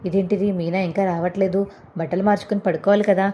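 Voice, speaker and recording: Woman reading as a mocking young husband, sarcastic, quick, mellow tone. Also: mid-range voice, steady tone, slight background noise, lightly acted. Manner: taunting, sarcastic. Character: hot-tempered young husband defending his wife.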